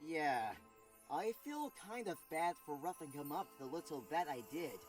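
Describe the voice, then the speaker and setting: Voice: mid-range voice, animated, moderate pace, natural voice. A performer playing a cocky, carefree young male blue hedgehog hero in a cartoon comic dub, talking in a breezy, teasing, slangy way. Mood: easygoing. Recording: loud music behind the voice. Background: music.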